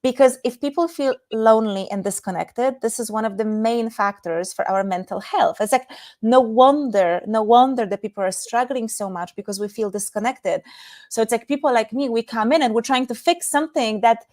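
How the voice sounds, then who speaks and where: A Polish woman with a Polish accent appears as an intimacy and tantra expert in an interview. Her voice is a little high and darkish in tone, at normal speed, and she explains things conversationally, illustrating her points with examples.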